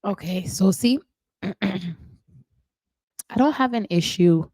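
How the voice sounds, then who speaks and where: A woman's voice: medium pitch, takes it slowly, darkish tone, no echo. A woman hosting a casual celebrity gossip commentary show, chatty and repetitive, often tagging her points with a question. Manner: chatty, repeats words, frequent "right?" tags. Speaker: host.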